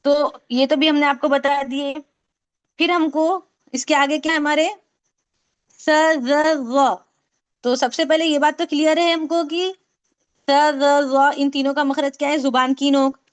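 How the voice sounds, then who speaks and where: A woman's voice: sits high, steady tone, normal speed. A woman teaching an online Quran recitation class, explaining patiently and repeating sounds for her students to drill. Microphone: video call.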